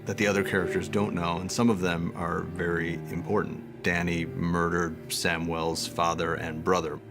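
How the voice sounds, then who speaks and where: A man gives behind-the-scenes commentary in a low voice with heavy fry. His intonation stays quite flat, and music runs underneath as he explains the series. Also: normal speed. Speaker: series creator commenting on episode.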